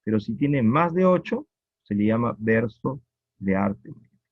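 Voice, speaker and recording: A man with a Peruvian accent teaching a poetry lesson, explaining slowly and repeating each point with checking questions. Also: medium pitch, animated, slightly rough, no echo. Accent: Peruvian Spanish. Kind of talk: classroom lecture on poetry. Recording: dull lo-fi recording.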